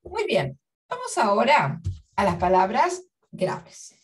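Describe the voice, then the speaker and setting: A woman teacher giving a literature lesson, slowly spelling out syllables and repeating her examples. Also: fairly high pitch, huge pitch swings, distant mic. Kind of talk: classroom lesson.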